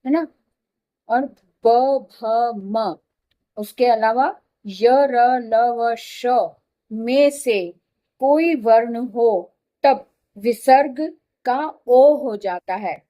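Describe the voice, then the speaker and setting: A woman's voice: a little high, drawn-out words, long pauses, dark tone. A woman teaching a Hindi grammar lesson, patiently repeating letters and examples one by one. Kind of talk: slow explanatory lesson.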